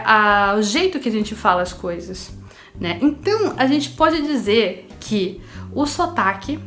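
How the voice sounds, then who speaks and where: A woman's voice: high-pitched, a bit bright. A woman from Rio de Janeiro with a Carioca accent, a language teacher giving a chatty online lesson straight to her viewers. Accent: Carioca Brazilian Portuguese. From Rio de Janeiro, Brazil. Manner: chatty, addresses viewers directly.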